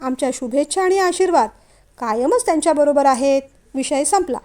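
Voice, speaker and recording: A blunt, strict middle-aged father from an audio storybook, as a woman narrator reads his lines, clipped and final, with a rather high voice for a man. He closes topics firmly. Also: animated, brisk, mellow. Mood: stern. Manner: firm, curt, dismissive.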